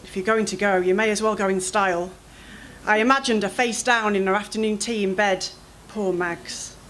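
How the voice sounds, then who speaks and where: Reading her own first-person story at a literary event, this woman sounds expressive and anxious. Her voice is mid-range, with slight background noise on a low-quality recording.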